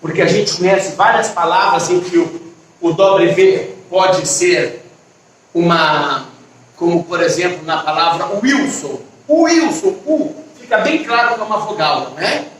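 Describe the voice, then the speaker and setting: A man with a high voice explaining grammar to a class, stopping often to ask if they are following. He sounds set back from the mic in a very echoey room, with a faint hiss behind him. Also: lively intonation, unhurried, fairly bright tone, far from the mic. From Brazil. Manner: explanatory, checks in with students often. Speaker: teacher. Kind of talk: online grammar lesson.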